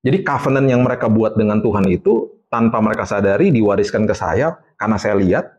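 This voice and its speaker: A middle-aged man, an evangelist, telling stories as a guest in a casual interview, in a lively, animated way. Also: lowish voice, fast talker, dull audio.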